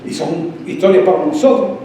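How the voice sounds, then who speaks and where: A pastor with a high voice preaches in an echoey church hall, caught from a distance by the mic. He tells his story with emphatic, rising cries while a faint rumble sits underneath. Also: sing-song, moderate pace, mellow. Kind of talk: sermon. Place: church sanctuary.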